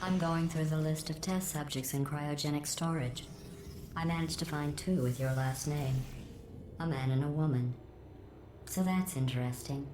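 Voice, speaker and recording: A woman voicing a cold, sarcastic female AI overseer, with a deadpan, passive-aggressive manner and a synthetic processed sound. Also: low voice, moderate pace. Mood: mocking. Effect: synthetic computer voice processing. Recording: roomy game audio with heavy background noise.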